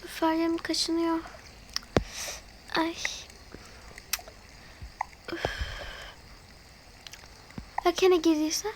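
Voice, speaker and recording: Speaking extremely slowly with long pauses, this channel host has a very high-pitched, level voice over background noise. She chats straight to her viewers while voicing a role-play over a mobile game, easily frightened and given to gasping and fretting.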